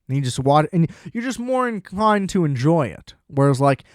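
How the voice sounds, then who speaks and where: A man hosting a solo podcast, chatting casually about TV in an excitable, profane, rambling way. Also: fairly high pitch, moderate pace, no echo, studio quality. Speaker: podcast host.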